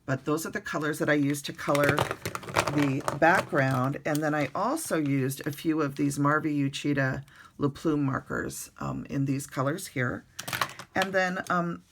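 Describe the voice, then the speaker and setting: Hoarse and getting over the flu, a woman with a deep voice chats casually at normal speed through a card-making tutorial at her bedroom desk. She uses lots of ums and uhs, and the background is noisy.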